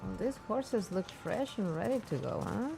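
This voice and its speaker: A woman's voice: medium pitch, expressive, normal speed, vocal fry, over music. Enthusiastic Latin-accented woman commentator. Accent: Latin American. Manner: enthusiastic, laughs often, admires the riding. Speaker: show jumping co-commentator. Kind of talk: live sports commentary, casual chat.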